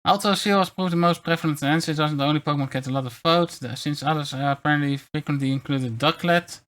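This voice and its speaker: A man's voice: fairly high pitch, fast, fairly bright tone. A man streaming casual commentary as a VTuber, rambling and stumbling over his words as he reads aloud. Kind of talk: casual livestream commentary, reading articles aloud.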